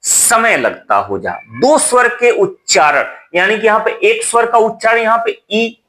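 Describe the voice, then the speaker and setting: A man's voice: high-pitched, very animated, unhurried, pushed and bright. A young man teaching a Hindi exam-prep lesson at a board, repeating key terms and checking with rhetorical questions.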